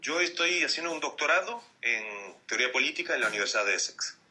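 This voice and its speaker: A man from Italy, appearing as a radio interview guest over a Skype call, offers political analysis. His medium-pitched voice is expressive, bright, and forceful, yet he speaks haltingly, searching carefully for words and repeating himself.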